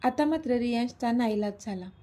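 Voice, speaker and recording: A woman narrating a serialized romance story in a steady, gentle reading manner. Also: on the high side, fairly quick, noisy background.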